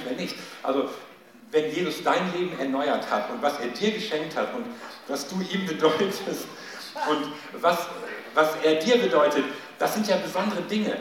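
Guy preaching a sermon, a bit high voice, big echoey hall, mic kinda far off. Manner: animated storytelling, shouts quoted cries.

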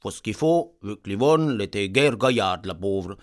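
A man's voice: on the low side, expressive, moderate pace. A man telling a tale in a comic folksy way, rambling off into peasant chatter. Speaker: storyteller.

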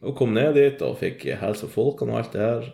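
A young man with a medium-pitched, creaky voice tells a story in casual chat, excitable and swearing freely. He laughs often and packs his talk with fillers, and the recording has a roomy echo.

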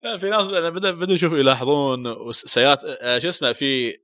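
A man co-hosting a casual gaming podcast, chatting with excited, quick-fire remarks. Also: fairly high pitch, dry recording, clean studio sound. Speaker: podcast co-host.

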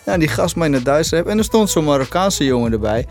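A man's voice: a little high, fast, faint music behind. A man co-hosting a podcast, telling stories in loose, slangy casual chat. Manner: loose storytelling, slangy, animated retellings. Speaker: podcast co-host.

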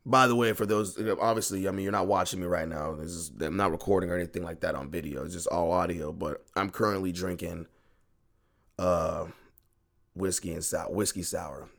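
A man's voice: low-pitched, steady tone, brisk, creaky, fairly bright tone. A man hosting a sports podcast from his home podcast room, ranting in agitated bursts, repeating himself and swearing freely.

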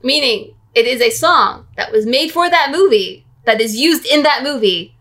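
A woman co-hosting a casual guessing game, playful and quick to laugh. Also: high voice, lively intonation, fairly bright tone. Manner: playful, laughs often, sings snatches.

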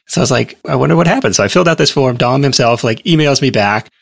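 A man speaking as a guest in a casual interview, telling his story in a relaxed, rambling way with plenty of fillers. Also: mid-range voice, quick pace, creaky, no room sound, studio quality.

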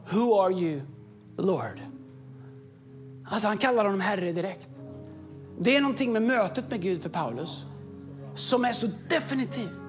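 A man preaches a sermon from a church stage in a strikingly high voice. He swings from hushed, intimate stretches up to fervent shouting. Soft music plays faintly underneath. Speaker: pastor.

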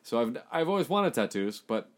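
A young man in his twenties co-hosting a podcast, trading crude jokes in animated casual banter. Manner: animated, jokey, quick pitch jumps. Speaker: podcast co-host.

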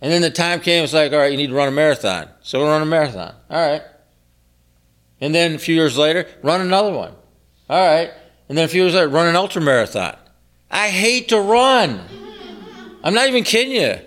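A man's voice: a little high, lively intonation, a little fast, fairly bright tone. A middle-aged man leading a small group bible study, teaching earnestly with repeated phrases and rhetorical questions. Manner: earnest, repetitive preaching cadence with rhetorical questions.

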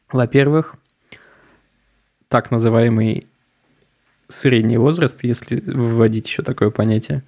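A young man co-hosting a podcast, speaking loosely and wryly with a touch of sarcasm. His voice has a heavy gravelly fry throughout. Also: medium pitch, a little mellow. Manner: wry, slightly sarcastic, loose and joking. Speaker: podcast co-host. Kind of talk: casual discussion.

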